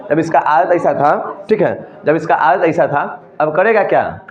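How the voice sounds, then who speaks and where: A man's voice: on the high side, lively intonation, a little slow. Bihari-accented man teaching, echoey tinny sound. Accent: Bihari Hindi. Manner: colloquial, asks and answers his own questions. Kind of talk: explaining a story to students.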